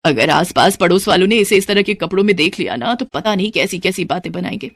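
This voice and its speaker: A woman's voice: fairly low pitch, animated, fast, dry recording, clean studio sound. A woman voicing an exasperated middle-aged mother-in-law who scolds and frets.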